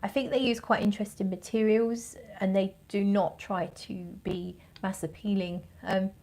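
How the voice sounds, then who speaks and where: A woman's voice: medium pitch, fairly even intonation, normal speed, darkish tone. A woman hosting a casual livestream as a fragrance reviewer, thinking aloud in a rambling, conversational way and searching for her words.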